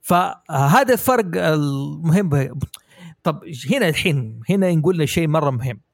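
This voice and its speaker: A man hosting a podcast, explaining ideas in a lively way and asking his guests for their views. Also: a little high, moderate pace, vocal fry, dry recording, clean studio sound. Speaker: podcast host. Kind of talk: casual podcast discussion.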